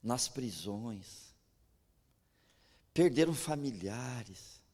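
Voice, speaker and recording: A Brazilian man preaching in a large church, his voice gravelly and a little husky with a long reverb trailing behind it. He tells stories as he preaches and stumbles into stammered restarts, with a Brazilian Portuguese accent. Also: mid-range voice. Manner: storytelling, animated, frequent stammered restarts. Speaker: pastor. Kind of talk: sermon with personal stories. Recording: echoey church hall.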